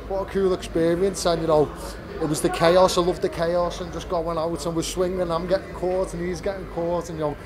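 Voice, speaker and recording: High-pitched and level, a little fast, a twenty-something British fighter rambles candidly through a post-fight press interview, full of fillers and restarts. It's recorded in the fight venue's media area with crowd chatter behind.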